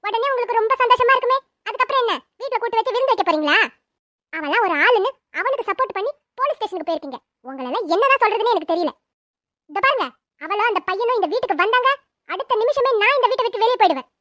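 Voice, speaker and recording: Cranky old cartoon granny, squeaky high voice, talks fast and loud. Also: female voice, animated, dry recording, studio quality, full character voice. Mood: bitter scolding. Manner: loud, scolding and shrill. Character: sharp-tongued old grandmother, scolding and bitter. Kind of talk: cartoon dubbing.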